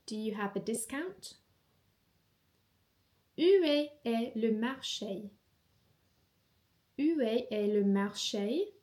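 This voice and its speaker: A woman teaching a phrase-by-phrase language lesson, saying each phrase twice in a deliberate way before translating it. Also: on the high side, darkish tone.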